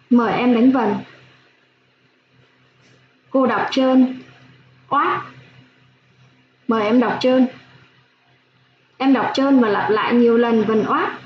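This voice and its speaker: A woman primary school teacher giving a slow phonics lesson for young children, spelling out sounds clearly with gentle instructions. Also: a little high. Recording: echoey room, dull lo-fi sound, faint hiss.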